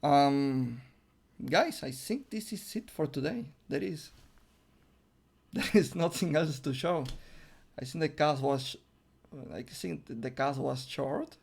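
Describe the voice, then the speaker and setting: Hoarse, excitable male game caster. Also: slow, pauses often. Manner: excitable, erupts into high yelps at big plays. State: hoarse, losing his voice. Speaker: esports caster. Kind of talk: solo game commentary.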